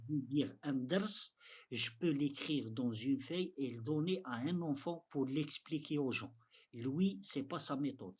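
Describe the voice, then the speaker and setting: This man delivers a religious lesson for beginners in slow, halting French, his Arabic accent clear and his mid-pitched voice husky with a darkish tone. He frequently repeats phrases while interpreting the material.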